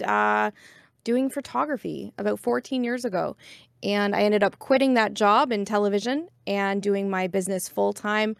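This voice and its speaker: Upbeat woman with a creaky edge. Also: mid-range voice, no echo, clean studio sound. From Newfoundland and Labrador, Canada. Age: 30s. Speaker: podcast guest, gaming streamer. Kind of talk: casual chat.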